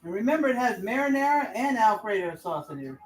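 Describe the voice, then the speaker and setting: A woman's voice: on the high side, very animated, fairly quick. Chatty woman hosting a live home cooking stream. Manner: chatty, talks straight to viewers. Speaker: home cooking livestream host. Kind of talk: casual live cooking chat. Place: home kitchen. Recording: roomy and a bit distant, faint hiss.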